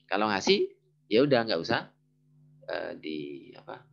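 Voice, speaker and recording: Guy with a lowish voice explaining grammar, keeps stopping to hunt for words, kinda muffled lo-fi audio. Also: big pitch swings, moderate pace, creaky. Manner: thinks aloud, searching for words. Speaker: Arabic grammar teacher. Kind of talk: casual explanatory lesson. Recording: dull lo-fi recording.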